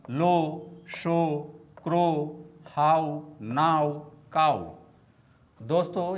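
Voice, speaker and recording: A man teaching English pronunciation in Hindi, saying each example word slowly and separately, one word at a time. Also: on the high side. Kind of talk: slow, deliberate Hindi lesson, reading out word lists.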